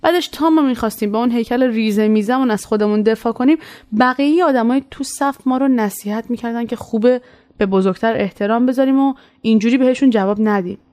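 A woman casually telling a story from her childhood, in a conversational way. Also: a little high. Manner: conversational, animated when quoting.

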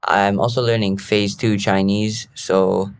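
Young male host from Malaysia: deep, loose and jokey, rambles casually. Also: little pitch movement, a little slow, smooth. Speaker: podcast host. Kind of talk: casual podcast monologue.

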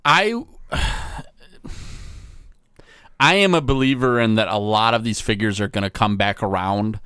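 A man co-hosting a casual podcast, talking in a relaxed, measured way and giving advice. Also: fairly low pitch, smooth, no room sound, studio quality. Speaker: podcast co-host. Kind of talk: casual chat.

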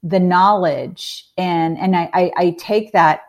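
A woman talks through her ideas as an interview guest, her voice pitched a little low. She speaks conversationally, leaning on fillers and pushing hard on key points. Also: fairly even intonation, takes it slowly. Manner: conversational, fillers, emphatic, laughs easily. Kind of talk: casual interview chat.

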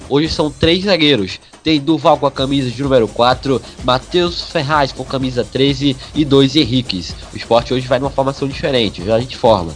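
Brazilian man halting through football line-ups. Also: mid-range voice. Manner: halting, list-like delivery with self-corrections. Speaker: radio match reporter. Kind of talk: reading team line-ups on a football broadcast.

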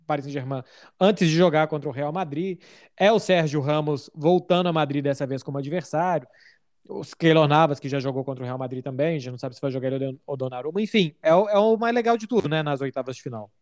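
A man's voice: a little high, quick pace, a little mellow. A Brazilian man hosting a football podcast in a casual, conversational style. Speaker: podcast host.

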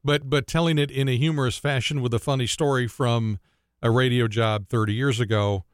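A man's voice: mid-range voice, fairly even intonation, a little fast, smooth, dry recording, studio quality. A man from Kentucky hosting a radio talk show, chatting casually and cracking jokes. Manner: joking, teasing.

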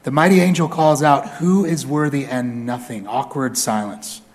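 A man's voice: medium pitch, moderate pace. Conversational male pastor preaching. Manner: conversational preaching with humorous asides; reads scripture aloud expressively. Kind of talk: sermon.

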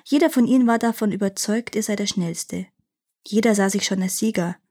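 A woman reading a fairy tale aloud in a clear, measured storytelling manner. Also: mid-range voice, mellow.

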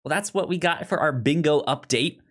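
A podcast co-host chats casually and unscripted over a remote online call, hesitating and stammering through repeated false starts. His voice is a little high, brisk, and a bit bright.

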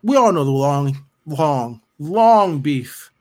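A man's voice: on the high side, lively intonation, slow, dark tone. A man co-hosting a casual comic book podcast, riffing playfully with crude, slangy frat-bro banter. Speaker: podcast co-host. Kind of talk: casual comedic chat about comic books.

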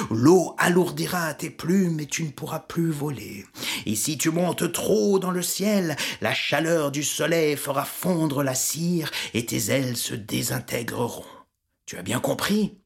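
A woman voicing a wise old father in a storybook reading, solemn and measured. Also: low-pitched, lively intonation, gravelly, heavily acted.

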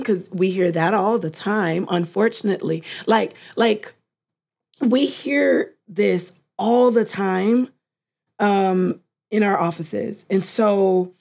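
This therapist and co-host speaks with a medium-pitched, gravelly, darkish voice in a casual, reflective discussion. To illustrate her points, she frequently voices what a client might say.

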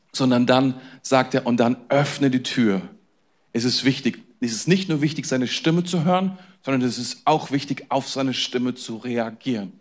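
A man preaching a sermon in a conversational way, talking straight to his listeners and moving between loud emphasis and quiet intensity. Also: medium pitch. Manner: conversational, addresses listeners directly. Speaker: pastor.

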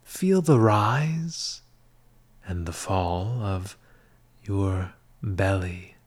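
Very slow, soft half-whispering male meditation guide. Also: deep voice, expressive. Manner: soothing, measured, with long pauses between short phrases.

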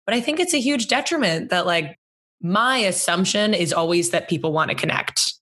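A woman's voice: fairly low pitch, animated, normal speed, fairly bright tone. A young adult woman, a guest on an interview, talking earnestly and thoughtfully about her work. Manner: earnest, thoughtful, laughs easily. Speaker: interview guest, community organizer. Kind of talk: casual interview chat.

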